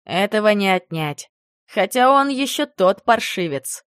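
A woman's voice: medium pitch, animated, unhurried, a bit bright, no echo, clean studio sound. A woman doing a stern, grumbling werewolf man. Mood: dry. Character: stern male werewolf lover, dry and teasing.

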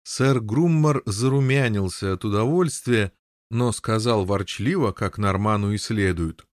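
A man reading an audiobook aloud in a wry, measured storytelling manner. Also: fairly low pitch, dry recording, clean studio sound. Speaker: audiobook narrator. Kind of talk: scripted narration.

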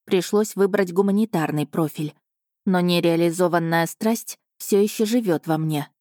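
A woman's voice: fairly low pitch, dry recording, clean studio sound. Woman narrating an audiobook in first person. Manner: measured, even storytelling delivery.

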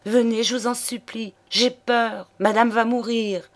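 Frightened servant girl, read by a woman, tearful, pleading, high-pitched, audiobook novel. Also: steady tone, a little slow. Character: sobbing, terrified young housemaid.

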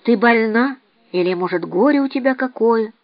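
Soft earnest kind man, read by a woman, dry slightly dull audio. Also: on the high side, normal speed, dry recording, lightly acted. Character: kind, gentle grown man, pleading and caring.

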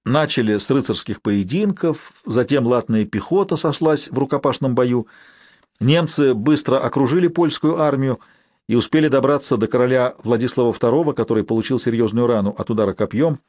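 A man narrates a historical tale in a steady, even storytelling manner. His voice sits at a middle pitch and is recorded close and dry, with no room sound around it. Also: fairly quick, no room sound. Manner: even storytelling with quoted dialogue. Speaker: audiobook narrator. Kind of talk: scripted narration.

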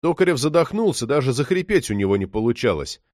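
A man narrates a crime audiobook in a steady, even way. His voice sits at an average pitch. The recording is close and dry, with no room sound. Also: quick pace, no echo. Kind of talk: scripted narration.

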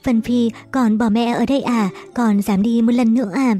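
A woman's voice: a little high, steady tone, normal speed, dark tone, faint music behind, lightly acted. Woman reading as a frail pleading older mother. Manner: pleading, breathless.

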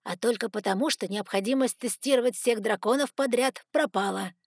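A woman's voice: fairly high pitch, fairly quick, no room sound, clean studio sound, pitched above the performer's own voice. A woman reading the part of an irritable male dragon official in a storybook audiobook. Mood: irritated.

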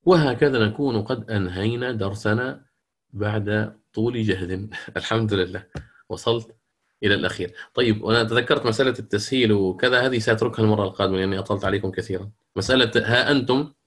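Middle-aged male Quran recitation teacher, low voice, patient lecture style with slow recited examples and a closing prayer. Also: fairly even intonation, fairly bright tone. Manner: explains patiently, asks check questions, recites words slowly; closes with a long supplication. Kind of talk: lecture on Quranic reading rules.

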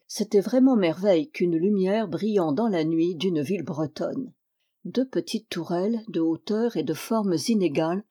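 Female audiobook reader, warm mellow tone, steady measured narration of a period novel. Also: medium pitch. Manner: steady, measured reading, lifting the voice for quoted dialogue.

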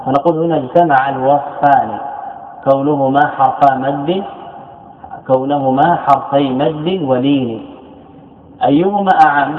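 A man teaching grammar as a scholar in a classroom lecture. He repeats key phrases and asks questions that he answers himself. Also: mid-range voice. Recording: tinny echoey lecture hall recording.

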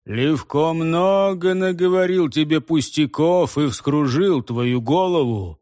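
A man voicing a gruff older village head who threatens in a hoarse half-whisper. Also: fairly high pitch, slow, darkish tone, no room sound, studio quality. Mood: menacing.

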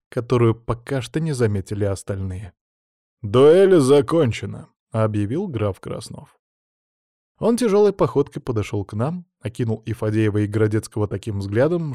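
A man's voice: on the low side, mellow, no echo. Dry-voiced man narrating an audiobook. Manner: wry, sardonic asides. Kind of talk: first-person audiobook narration.

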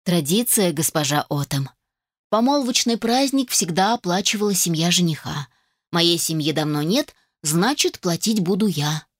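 Woman doing a calm, wry young fiancé. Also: lowish voice, normal speed, no echo, clean studio sound. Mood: composed. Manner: composed and mildly mocking.

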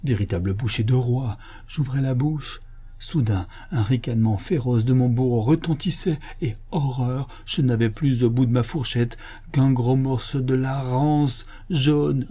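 Brief: anguished glutton of a canon, storybook reading, a man playing him, mellow and a bit husky. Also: medium pitch. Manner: anguished, theatrical lamenting. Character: gluttonous older male canon, lovesick for lost food. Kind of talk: audiobook reading of a classic novel.

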